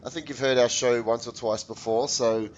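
A man with an Australian accent co-hosting a podcast in casual chat, husky and hoarse from a head cold, upbeat and rambling with restarts. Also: medium pitch, steady tone, moderate pace, muffled recording, a little hiss or hum. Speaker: podcast co-host.

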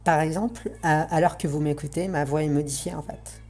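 A woman's voice: low voice, fairly even intonation, brisk, mellow. A woman talking through a voice changer, giving an earnest, reflective spoken essay on roleplaying games and searching for her words.

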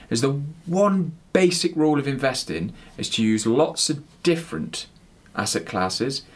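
West Country man explaining on a podcast. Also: medium pitch. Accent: West Country English. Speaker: financial expert on a podcast. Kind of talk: conversational explanation.

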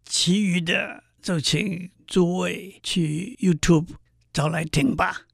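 Slow gravelly man giving a lecture. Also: high-pitched, steady tone, dry recording, clean studio sound. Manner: slow, deliberate, spells out examples syllable by syllable. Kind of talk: explanatory lecture on English poetry.

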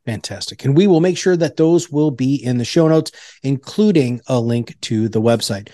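A man's voice: medium pitch, moderate pace, warm tone, dry recording. A man speaking as a podcast host, with a polished announcer delivery. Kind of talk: podcast hosting and scripted outro narration.

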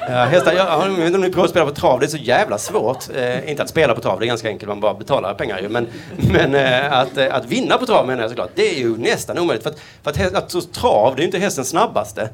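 A man doing a stand-up routine, telling absurd deadpan jokes and slipping into quick voiced asides. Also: medium pitch. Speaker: stand-up comedian. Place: comedy stage before a live audience. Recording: stage mic with loud audience laughter.

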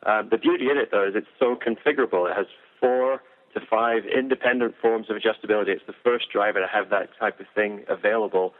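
Low-voiced man explaining golf tech. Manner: measured, detailed, frequent "uh" fillers. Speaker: golf equipment engineer. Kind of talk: technical explanation in an interview. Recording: tinny phone-like audio.

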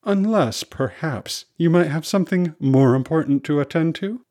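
A man voicing a poised, confident wealthy businesswoman who speaks softly and pointedly. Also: on the high side, moderate pace, pitched above the performer's own voice, close to an everyday voice.

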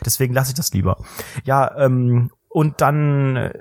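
A man's voice: medium pitch, a little slow, no echo. A young man co-hosting a casual podcast, rambling with lots of fillers and restarts in a dry, ironic way. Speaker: podcast co-host.

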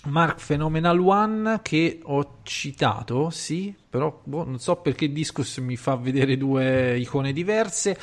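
A man's voice: fairly high pitch, animated, takes it slowly, hardly any pauses. A man hosting a podcast in a casual, colloquial chat style, with some crude joking. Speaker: podcast host.

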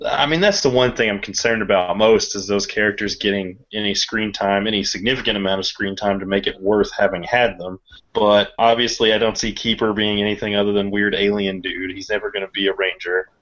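Low-voiced man giving measured opinions. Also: fairly even intonation, fairly bright tone. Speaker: podcast panelist. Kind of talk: casual fan chat. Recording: dull lo-fi audio.

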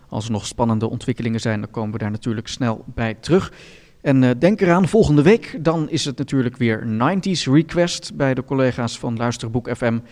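A man hosting a satirical radio news show, reading items in a calm, formal deadpan. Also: medium pitch, long reverb tail. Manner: calm, formal newsreader delivery.

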